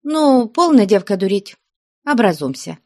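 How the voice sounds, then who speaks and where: A woman voicing a good-natured older nun who scolds the convent girls in a high, indignant voice. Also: very animated, unhurried, warm tone, dry recording, clean studio sound. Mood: coaxing. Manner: scolding, shrill, scandalized.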